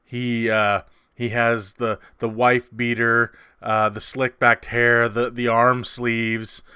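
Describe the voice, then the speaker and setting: Chatty man with a bright, crisp voice. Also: mid-range voice, flat delivery, slow pace, dry recording, clean studio sound. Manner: rambling and conversational with many fillers and restarts; sarcastic. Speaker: movie review host. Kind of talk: casual spoken movie review.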